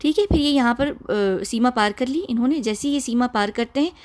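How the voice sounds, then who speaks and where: A woman explaining a music video scene by scene in a casual, halting way, often urging viewers to look closely. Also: on the high side. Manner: conversational with frequent fillers and restarts. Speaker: video commentator.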